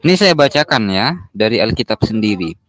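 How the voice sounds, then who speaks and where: A man calmly arguing a point in a religious debate, explaining to his opponent. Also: lowish voice, fairly quick, dry recording.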